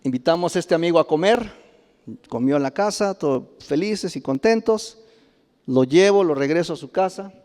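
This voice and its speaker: A middle-aged pastor with a Mexican Spanish accent delivers a storytelling sermon in a fairly high voice. He chuckles often and swells into loud exclamations. His voice rings with the long reverb of a church hall. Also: expressive, normal speed. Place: church sanctuary.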